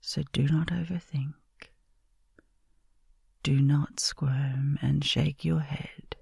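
A woman whispering softly and slowly close to the microphone, soothing a listener toward sleep in a caretaker roleplay. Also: sits low, fairly even intonation, gravelly, slightly rough, no room sound. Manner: soft, slow, soothing whisper.

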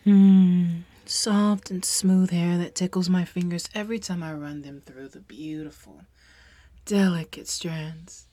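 A woman's voice: lowish voice, steady tone, measured pace, warm tone. A woman playing a possessive, seductive female alien in an audio roleplay, teasing and commanding in a whispery voice. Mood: seductive, doting.

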